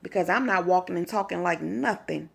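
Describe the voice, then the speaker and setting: A woman's voice: lowish voice, fairly quick, creaky, husky. A young woman in a sassy, conversational opinion vlog, speaking. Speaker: vlogger.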